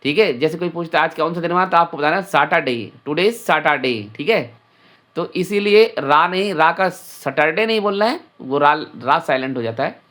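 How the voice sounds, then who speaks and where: A man's voice: fairly high pitch, animated, normal speed, fairly bright tone. A male teacher giving a children's English lesson, addressing the children directly and spelling each word out letter by letter before repeating it.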